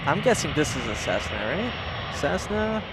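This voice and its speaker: A man's voice: fairly high pitch, sing-song, moderate pace. A man hosting a casual plane-spotting livestream, chatting and exclaiming as he comments and reads viewer messages aloud. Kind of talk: casual live commentary and chat. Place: outdoors by an airport. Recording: outdoor airport noise, aircraft and vehicles. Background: aircraft and vehicle noise.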